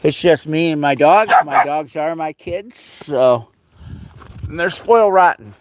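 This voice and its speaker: A man's voice: a little high, animated, a little slow, a little hiss or hum. A man chatting casually on a livestream outdoors in the snow at his rural home, talking to viewers and his dogs. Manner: chatty, talks to his dogs in a raised playful voice. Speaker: livestreamer and dog owner.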